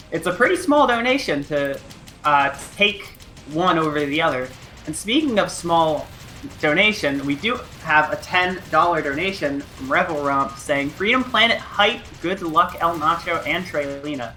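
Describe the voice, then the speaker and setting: Charity stream host, woman, very low voice, has hiccups, relaxed donation reads, faint music under. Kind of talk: reading donations and announcements.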